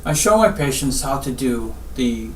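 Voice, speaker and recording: A man from Guyana who works as a spinal surgeon, answering interview questions in a measured, instructive way. He often returns to what he tells his patients. The recording sounds roomy and slightly distant, with faint ambience behind him. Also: medium pitch, very animated, slight background noise. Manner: measured, advice-giving, repeats "I tell them".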